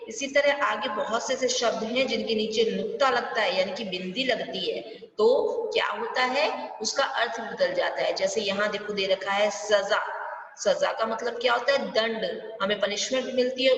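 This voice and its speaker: A woman teaching a primary school Hindi class online, patient, asking the children questions and answering them herself, and drawing words out slowly to show each sound. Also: mid-range voice, a bit bright. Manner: draws words out slowly when demonstrating sounds. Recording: echoey, distant, dull room sound with faint hiss.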